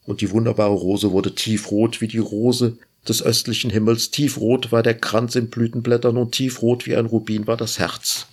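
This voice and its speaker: A man hosting a literature show, reading a fairy tale aloud in a measured, lyrical way. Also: mid-range voice, little pitch movement, slightly rough. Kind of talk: storybook reading.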